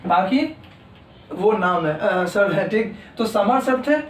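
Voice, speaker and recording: A man lectures from some distance away in a room that echoes around his voice. His voice sits high for a man. He talks straight to his students and repeats each key term as he writes it on the board. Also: lively intonation, takes it slowly. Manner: talks to students directly, repeats key terms while writing. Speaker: teacher. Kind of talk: exam-prep lecture.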